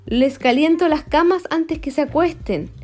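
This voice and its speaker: A woman's voice: high-pitched, measured pace, a little mellow, faint music behind, voice pushed up. A woman reading the lines of a well-meaning male pet dog from a children's storybook, earnest and pleased with himself. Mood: cheerful.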